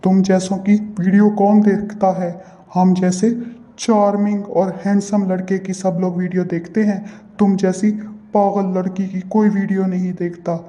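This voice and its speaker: A man's voice: sits high, little pitch movement, moderate pace, mellow, lightly acted. A man voicing a boastful, teasing cartoon guy. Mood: mocking. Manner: mocking, bragging. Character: boastful, teasing young man who calls himself handsome. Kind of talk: cartoon voice acting. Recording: roomy, dull lo-fi recording.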